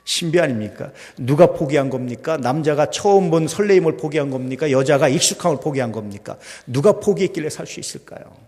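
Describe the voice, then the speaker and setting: A man preaching a sermon as pastor, swinging between loud emphatic peaks and hushed near-whispers, full of rhetorical questions to the congregation. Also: a little high, animated, a little fast, hardly any pauses. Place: church sanctuary. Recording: long hall reverb.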